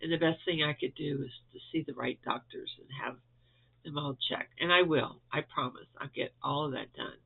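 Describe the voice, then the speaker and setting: Speaking at normal speed with fairly even intonation, a Florida man's high-leaning voice comes across creaky and husky as he fights a stuffy nose and fading voice. The crochet vlogger chats and rambles to his audience indoors at home, with plenty of chuckles, over tinny phone-like audio.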